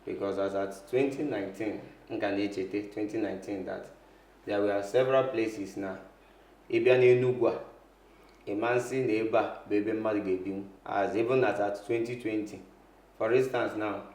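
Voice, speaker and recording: A man's voice: on the low side, steady tone, normal speed, darkish tone. A man with an Igbo Nigerian accent explaining things as an interview guest, switching often between Igbo and English. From south-eastern Nigeria. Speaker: interview guest, real estate lawyer. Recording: echoey room.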